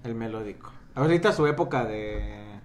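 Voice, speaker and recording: A man in a relaxed casual chat, often trailing off into quiet asides. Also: fairly low pitch, moderate pace.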